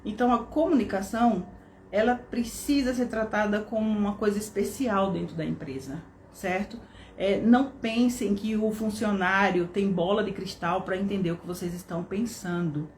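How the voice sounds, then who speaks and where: A woman's voice: mid-range voice, moderate pace, darkish tone. A woman with a Brazilian Portuguese accent teaching an online course, explaining step by step and often checking in with tag questions. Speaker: course instructor. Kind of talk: online lesson. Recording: echoey room with faint background noise.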